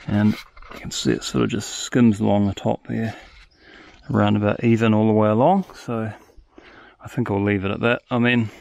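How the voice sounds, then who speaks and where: A man casually explaining his work at an outdoor sawmill yard, recorded on a head-mounted camera, relaxed and thinking aloud. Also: lowish voice, moderate pace, gravelly, no echo. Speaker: sawmill operator. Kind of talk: casual first-person narration. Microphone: head-mounted action camera.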